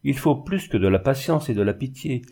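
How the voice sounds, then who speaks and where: A man's voice: mid-range voice, animated, a little fast, creaky, mellow, breathy edge, pitched above the performer's own voice. Plaintive, self-pitying, ruined male glassmaker, audiobook character, read by a man. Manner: plaintive, moaning.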